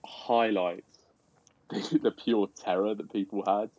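A man in a casual film discussion, animated and acting out quoted lines. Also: lowish voice, slow pace, dry recording, highs cut off. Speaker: podcast guest.

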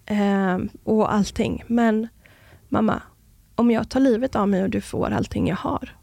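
Creaky-voiced woman telling her story. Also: mid-range voice, warm tone, no echo. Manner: earnest and halting, with many restarts. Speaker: podcast guest. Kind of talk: personal storytelling in a conversation.

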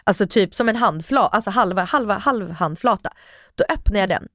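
A woman in her thirties chatting on a podcast, voice leaping up high whenever she acts out a line. Dry, close sound with no room around it. She tells a long story with lively swings. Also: no room sound. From Sweden. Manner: animated storytelling, acting out quotes with big pitch jumps. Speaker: podcast co-host. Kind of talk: casual chat.

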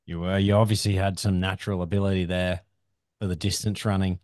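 A man's voice: sits low, level tone, a little fast, a little mellow, dry recording, studio quality. A man hosting a running podcast, easygoing and hesitant with fillers. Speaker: podcast host.

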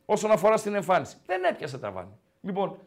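A male sports radio host with a fairly high voice, chatting in a loose, animated way with callers. He hammers his points home by repeating words over and over. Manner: animated, repeats himself emphatically. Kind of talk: casual call-in chat.

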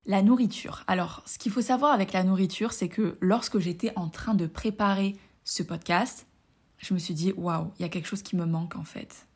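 A woman's voice: medium pitch, moderate pace, breathy edge. A woman from France hosting a casual personal podcast, chatting enthusiastically and speaking straight to her listeners. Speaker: podcast host and coach.

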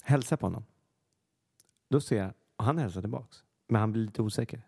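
A man's voice: lowish voice, vocal fry, darkish tone, husky, no echo, clean studio sound. A man co-hosting a podcast in casual chat, telling anecdotes and often laughing. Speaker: podcast co-host.

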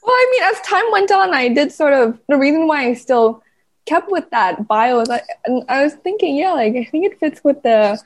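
Young female guest from Vietnam, slightly high pitch, relaxed conversational read. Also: moderate pace. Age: young adult. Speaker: guest, climate journalist. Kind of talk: casual interview chat.

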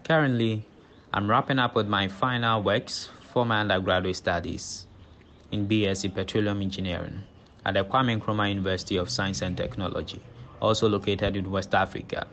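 A man's voice: fairly low pitch, steady tone, a little fast, fairly bright tone, slight background noise. A young man with a Ghanaian accent, formally and precisely reading out a prepared question to a guest. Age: young adult. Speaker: student asking the guest a question.

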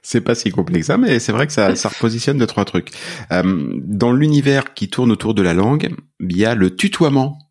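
A man from France with a French accent, co-hosting a relaxed chat and repeating words as he starts. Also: medium pitch, fairly quick, creaky, slightly rough. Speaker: podcast co-host. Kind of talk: casual conversation.

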